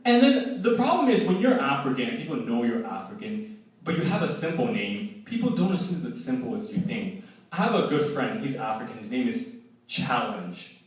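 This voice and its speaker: A man's voice: mid-range voice, brisk. A man in his twenties performing a stand-up comedy set, telling stories and voicing the people in them. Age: 20s. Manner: animated storytelling, voicing people in quoted lines. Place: law school event hall with live audience. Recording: very echoey hall, voice from a distance.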